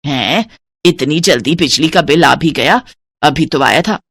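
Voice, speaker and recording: A woman voicing a stingy, scheming older mother-in-law in a cartoon, bossy and scolding, in a low voice. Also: expressive, a little slow, slightly rough, heavily acted. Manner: penny-pinching, scolding, bossy. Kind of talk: cartoon voice acting.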